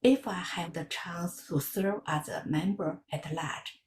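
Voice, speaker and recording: A woman from China giving a prepared campaign speech in a measured, earnest way. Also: on the low side, roomy sound, slight background noise. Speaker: election candidate.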